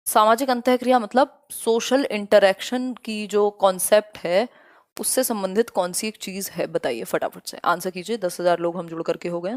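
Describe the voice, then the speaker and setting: Hindi-speaking woman teaching a live class. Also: medium pitch. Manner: direct, scolding students, reads questions slowly. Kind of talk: live online exam-prep class.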